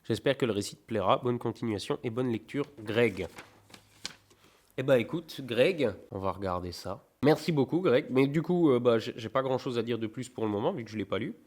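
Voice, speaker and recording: Host, young man from France, reading fan mail on his channel; relaxed, offhand chatter that turns theatrical on the letters. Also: mid-range voice, normal speed. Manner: reads letters in a raised theatrical voice, chats offhand between them. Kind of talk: casual chat reading letters aloud.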